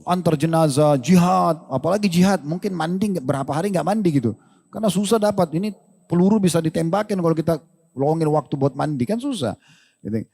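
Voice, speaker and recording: Man preaching with a long hall echo. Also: on the high side. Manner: lively, joking, asks rhetorical questions, colloquial slang. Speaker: Islamic preacher. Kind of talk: casual Islamic lecture.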